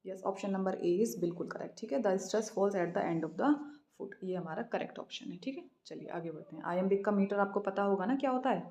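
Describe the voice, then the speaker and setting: Mellow-voiced Indian woman teacher. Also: mid-range voice. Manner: reads questions slowly, then explains quickly in Hindi-English mix; repeats "theek hai" after each answer. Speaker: English literature teacher. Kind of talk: exam practice lesson.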